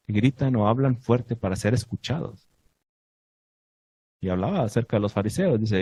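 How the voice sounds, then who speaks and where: A man's voice: medium pitch, dark tone, husky, dry recording, rough recording. A man teaching a congregation in a sermon, asking his listeners questions and reciting Hebrew blessings.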